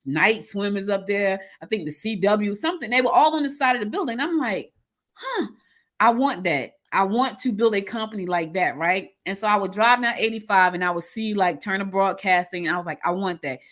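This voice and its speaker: A woman hosting a casual interview, telling her own stories in an animated way with frequent restarts. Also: mid-range voice, brisk, hardly any pauses. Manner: animated storyteller, many restarts. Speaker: interview host.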